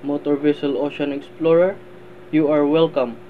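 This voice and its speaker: A man's voice: fairly high pitch, flat delivery, normal speed. Tinny marine radio man playing a traffic operator. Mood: formal, procedural. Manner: formal, procedural radio phrasing. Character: formal male vessel traffic control operator on marine radio. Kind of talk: marine radio communication, scripted demonstration. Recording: tinny band-limited radio sound, faint noise.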